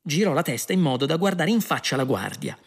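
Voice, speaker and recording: A man reading a comic science-fiction novel aloud as a steady storybook narration. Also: on the high side, fairly quick, husky. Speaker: audiobook reader.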